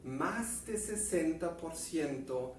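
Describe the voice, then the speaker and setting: A man teaching a German class, saying example phrases slowly and clearly for students to repeat. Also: on the high side, animated, recorded from a distance, slight background noise. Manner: slow, deliberate enunciation of example phrases. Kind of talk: classroom lesson, drilling phrases aloud. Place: classroom with a whiteboard. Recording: echoey room, voice off-mic.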